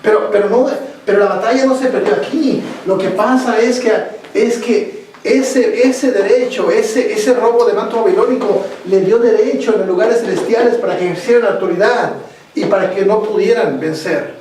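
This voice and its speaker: High-voiced pastor echoing in a church. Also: male voice, darkish tone, slight background noise. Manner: halting, repeats words and asks the room questions. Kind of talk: Bible study sermon. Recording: echoey church hall, distant mic.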